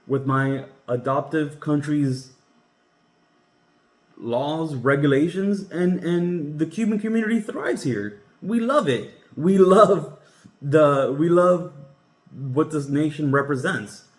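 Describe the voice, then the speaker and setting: Speaking slowly in a voice on the high side, a man from Cuba hosts a podcast and offers his opinions. The delivery is casual and emphatic, with frequent stops and fresh starts, and the recording carries a roomy echo.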